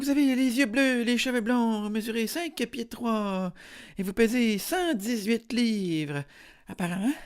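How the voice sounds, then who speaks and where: Young quebec guy hosting a podcast, deadpan fake interview, rambles, lots of um and uh. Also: high voice. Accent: Quebec French. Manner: deadpan, rambling, full of hesitations. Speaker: podcast host. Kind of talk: mock interview monologue.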